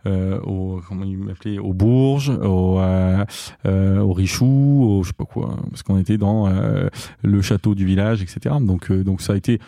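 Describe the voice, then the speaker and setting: A man from France, a company founder, talking casually in an interview, pausing often with fillers and restarts. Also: low voice, vocal fry, dark tone, no room sound, clean studio sound. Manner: hesitant, many fillers and restarts.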